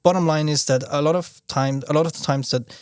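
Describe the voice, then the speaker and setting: This clip has studio-quality sound with no room noise, capturing a young man from Austria chatting casually as a podcast guest. He speaks quickly in a slightly high, steady, smooth voice, frequently starting sentences over and saying "you know" a lot.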